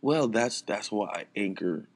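A man's voice: on the low side, lively intonation, takes it slowly, gravelly, breathy edge. A young adult man co-hosting a casual podcast, easygoing and agreeable, often chiming in with "right.". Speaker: podcast co-host. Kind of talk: casual chat.

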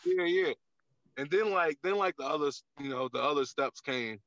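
A man's voice: on the high side, normal speed, a bit bright, no echo. A man, a comedian guest on a podcast, talking candidly in casual chat with lots of filler words. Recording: dull, lo-fi, dry sound.

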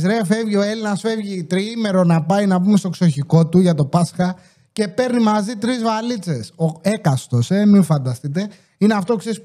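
Telling a funny story on his podcast, a man with a soft, mellow, high-pitched voice rambles along, cursing freely and imitating the voices of those he quotes.

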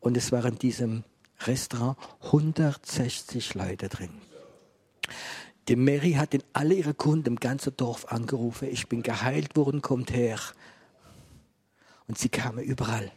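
Husky middle-aged preacher, storytelling testimony style, plays out the voices in his tale. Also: medium pitch, normal speed, a little mellow. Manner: storytelling, acting out dialogue. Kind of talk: testimony sermon to a live audience. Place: room with a gathered audience.

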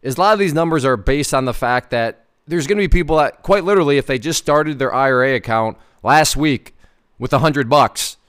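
A host in his 30s discusses a personal finance article in a brisk, conversational way, reading parts aloud, emphasizing points hard and repeating words. His medium-pitched voice sounds a bit bright and clean.

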